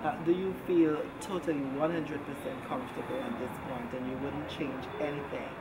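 A woman's voice: low voice, steady tone, a little fast. A woman hosting a pageant interview, putting prepared questions and casual follow-ups to a contestant. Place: seated before a draped backdrop with potted plants. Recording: loud background noise, vehicle sounds.

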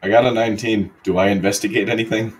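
A low-voiced man playing an online tabletop game. He speaks bluntly, getting frustrated and swearing over the dice rolls. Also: steady tone, fast talker. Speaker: player.

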